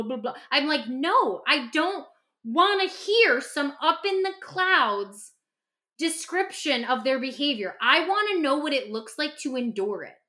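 A woman with a high, bright, forceful voice talks as a podcast host and clinician in a frank conversation. She is passionate and emphatic, repeating phrases to drive her points home.

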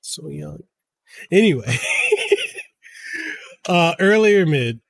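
Excitable man in his thirties chatting. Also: fairly high pitch, slow, no room sound. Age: 30s. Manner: excitable, stumbles and repeats words. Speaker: podcast guest, game reviewer. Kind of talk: casual podcast chat.

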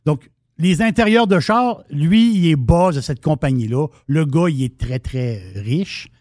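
A man's voice: fairly high pitch, a little slow, dry recording, clean studio sound. Chatty Québécois man telling a story. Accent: Québécois French. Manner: storytelling, animated, many restarts. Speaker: radio show co-host. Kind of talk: casual radio banter.

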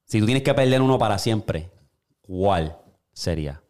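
A young man with a Puerto Rican accent hosting a casual podcast, telling crude stories with animated voices. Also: on the low side, measured pace. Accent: Puerto Rican Spanish. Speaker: podcast host.

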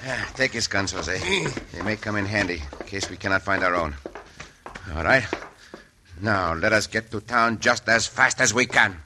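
An actor playing a gallant, commanding Mexican hero of the Old West, suave and formally spoken with a Mexican accent, in an old-time radio western. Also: male voice, on the low side, normal speed, close to an everyday voice. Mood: stern. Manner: suave, decisive, formal phrasing. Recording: noisy, scratchy vintage radio recording.

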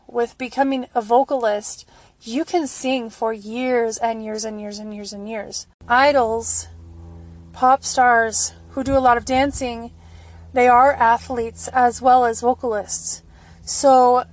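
A woman hosting a solo podcast, talking in an informal, rambling, casual way. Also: a little high. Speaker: podcast host. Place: at home, recorded in a stairwell for the introduction.

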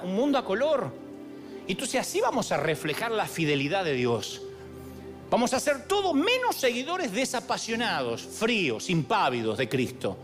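A man preaching a sermon as pastor in a large stadium, shifting to impassioned shouting calls to the crowd. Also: high voice. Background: music.

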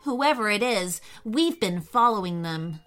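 A woman voicing a brave, bossy little girl who leads her friends in an urgent, hushed way. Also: medium pitch, lively intonation, measured pace, soft background music. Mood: determined. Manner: urgent, whispery.

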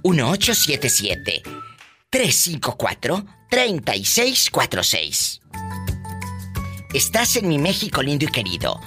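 Man, radio host, very lively pitch, bright tone, teasing. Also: soft background music. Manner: teasing, flamboyant, quick jokes. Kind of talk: playful radio call-in banter.

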